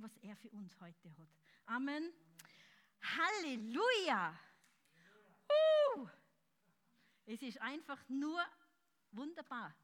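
A woman preaching a charismatic sermon, calling out loudly and then dropping to soft, close speech. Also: a little high. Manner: fervent, swings between loud shouts and soft intimate speech.

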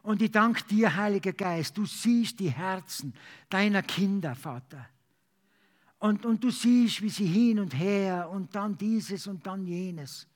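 A man preaching and praying as in a sermon, urging emphatically with repeated phrases and halting at times to search for words. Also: high-pitched. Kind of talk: sermon with altar call and prayer.

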